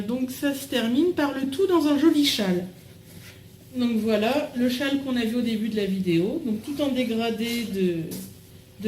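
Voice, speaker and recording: A young woman with a fairly high voice chats casually to camera as she unboxes a package at home. She's bubbly and loose, trailing off into fillers. The room sounds echoey, with a faint hiss underneath. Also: a little mellow. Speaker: vlogger unboxing a swap package.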